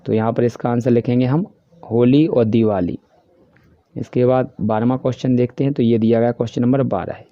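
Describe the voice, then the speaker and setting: A man with a Hindi accent teaching a class worksheet, explaining each answer step by step and reading the English questions slowly. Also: mid-range voice, steady tone, no echo. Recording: dry, dull lo-fi voice-over.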